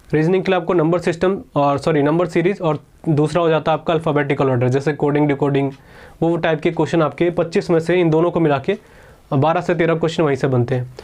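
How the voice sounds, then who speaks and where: A man's voice: a little high, a little mellow. A man teaching exam strategy in a casual, chatty lecture, often checking in with his students. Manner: quick, chatty, keeps saying "ठीक है".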